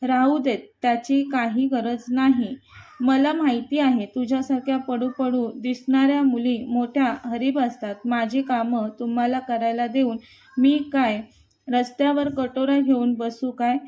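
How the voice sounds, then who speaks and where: A bitter young housemaid, voiced by a woman reading the story, resents the newcomer and lets it show in every clipped, sharp-tongued line. Her voice sits high but stays soft and mellow. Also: steady tone, measured pace. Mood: resentful.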